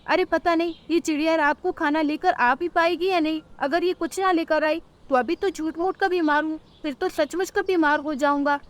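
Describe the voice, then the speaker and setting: A woman's voice: high-pitched, fairly even intonation, normal speed, hardly any pauses, lightly acted. A woman voicing a sly, lazy male crow in a cartoon story, who talks in a wheedling, pushy way. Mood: scheming.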